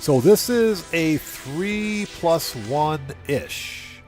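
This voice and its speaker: His voice is fairly high with a darkish tone, animated and full of drawn-out words. He's hosting a laid-back gaming livestream with music behind him, greeting chat, thinking aloud, repeating phrases and talking with viewers.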